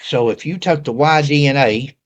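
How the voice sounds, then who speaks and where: Male host, Appalachian accent, folksy rambling delivery, medium pitch, casual chat to an online audience. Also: moderate pace, muffled recording. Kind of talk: casual talk to viewers, reading messages aloud.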